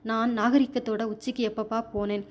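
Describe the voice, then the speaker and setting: A woman's voice: fairly high pitch, flat delivery, normal speed, close to an everyday voice. A woman voicing an indignant young woman about to be married, in a storybook reading. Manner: indignant, pleading. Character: shocked indignant young bride-to-be.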